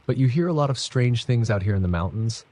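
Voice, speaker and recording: A man doing a gravelly sinister trucker. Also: medium pitch, animated, fast talker, darkish tone, pitched above the performer's own voice, lightly acted. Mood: ominous. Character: wiry gravelly middle-aged male trucker, menacing.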